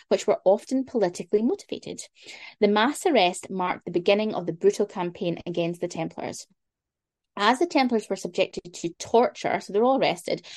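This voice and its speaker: A woman's voice: mid-range voice, darkish tone. A young woman co-hosting a podcast, reading history notes in casual chat, swearing and stumbling over long words. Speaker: podcast co-host.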